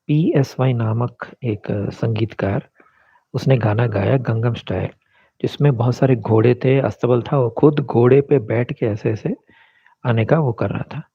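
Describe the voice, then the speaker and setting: A man's voice: medium pitch, creaky, husky, dry recording. A man explaining astrology in a casual talk, mixing English words into his Hindi. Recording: dull, lo-fi dry sound.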